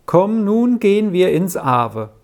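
A reader doing a gentle, soothing mother. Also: mid-range voice, very animated, takes it slowly, voice pushed up. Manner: soft, reassuring. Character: gentle, loving mother, calm and tender. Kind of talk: audiobook reading.

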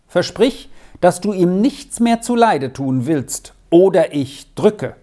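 Reader voicing a calm, firm schoolboy. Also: mid-range voice, takes it slowly, pitched above the performer's own voice. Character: calm, steady schoolboy standing up to a bully. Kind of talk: audiobook reading.

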